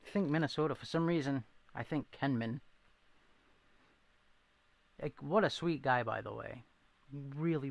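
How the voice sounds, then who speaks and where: A man's voice: medium pitch, creaky. A man hosting a casual live stream, rambling and chatting with viewers and answering their comments. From southeastern Massachusetts. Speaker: livestream host.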